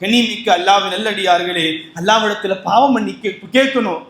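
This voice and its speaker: High, bright-voiced impassioned male preacher. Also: brisk. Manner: impassioned, repeats lines and asks rhetorical questions. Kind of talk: Ramadan sermon on repentance. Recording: echoey room.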